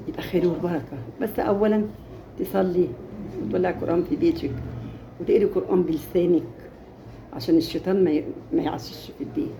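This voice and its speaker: A woman's voice: lowish voice, dark tone, slight background noise. A woman with an Egyptian accent giving impassioned marriage advice, stressing her points by repeating phrases. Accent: Egyptian Arabic.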